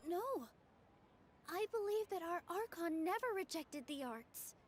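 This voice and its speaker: An actress voicing a gentle, earnest young female dancer in a dubbed game, soft and pleading. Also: very high-pitched, lively intonation, measured pace, slight background noise.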